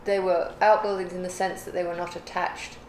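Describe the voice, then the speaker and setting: On her child's craft livestream, an older woman appears as a guest and talks casually, thoughtfully rambling and correcting herself along the way. Her voice is on the low side with little pitch movement and a slightly fast pace, recorded in an echoey living room or craft room with clear background noise.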